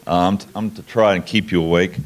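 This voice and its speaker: Low-pitched Southwestern man presenting informally. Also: fairly even intonation, fast talker. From New Mexico, United States. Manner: informal, folksy, explanatory. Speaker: conference speaker, national laboratory researcher. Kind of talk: conference presentation.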